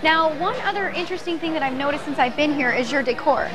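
High-voiced young woman TV host. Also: quick pace, a crowd in the background. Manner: upbeat, scripted presenting. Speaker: TV show host. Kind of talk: presenting and interviewing. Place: restaurant dining room, indoors.

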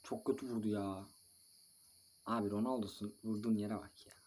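Young man excitedly commentating his football game. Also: lowish voice, normal speed. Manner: excitable, urges and scolds his players by name; bursts of shouting and mild swearing. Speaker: mobile football gamer and video maker. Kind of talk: live commentary over his own online match.

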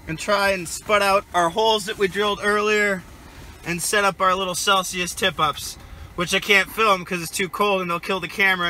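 A man's voice: high voice, pushed and bright, a little hiss or hum, poor audio. A young man casually vlogging his ice fishing from inside a small shanty, chatty and joking to the camera. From Michigan. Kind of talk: casual outdoor vlog narration. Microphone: handheld action camera.

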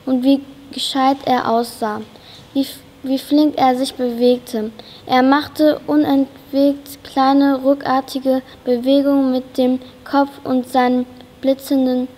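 A woman's voice: high-pitched, dark tone. A woman reading a children's novel aloud in a reading competition, carefully, with small slips and restarts. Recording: long reverb of a school hall.

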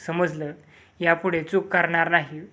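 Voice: mid-range voice, flat delivery, measured pace, bright, forceful tone. A storyteller voicing a simple-minded young village lad who earnestly explains his mistakes, in a near-everyday voice in a read-aloud storybook. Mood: apologetic.

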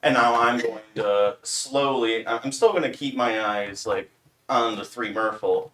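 A man playing a tabletop game, describing his character's actions deliberately. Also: fairly low pitch, fairly bright tone. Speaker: player. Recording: roomy echo with faint music.

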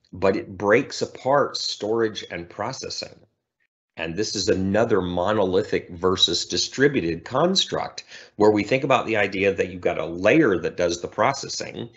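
Casting: middle-aged man, very low voice, relaxed explanatory keynote over a dull webcam mic. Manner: conversational, explanatory, with light humor. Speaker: keynote speaker. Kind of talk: conference keynote presentation.

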